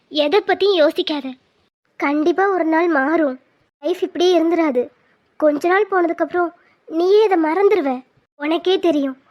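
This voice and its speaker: A voice actor doing a soothing cartoon young woman. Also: extremely high pitch. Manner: soothing, advising. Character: caring young woman, calm and reassuring. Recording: dull lo-fi sound.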